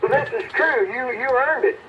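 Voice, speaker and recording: A man's voice: moderate pace, bright, forceful tone, a little hiss or hum. A man chatting and joking casually over the air, heard through mistuned sideband radio reception. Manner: joking, laughing, rambling. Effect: mistuned sideband radio reception, warbling pitch. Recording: muffled, dull radio reception.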